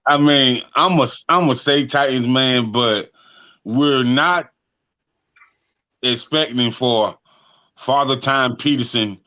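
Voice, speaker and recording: A man's voice: medium pitch, takes it slowly, long pauses, pushed and bright, muffled recording. A man co-hosting a sports podcast, teasing and trash-talking playfully. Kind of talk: casual sports chat.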